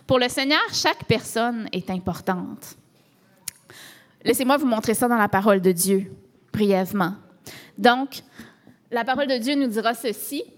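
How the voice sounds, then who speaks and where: A woman pastor from Canada preaches with a Québécois French accent in a conversational style, using rhetorical questions and tags like "hein". Her voice is a little high.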